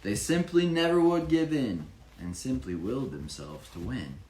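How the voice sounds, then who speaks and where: A children's author reads his own rhyming picture book aloud at a normal speed, his pitch swinging in lively fashion. He speaks emphatically and breaks off to explain things casually to a child, in an echoey room with faint background noise.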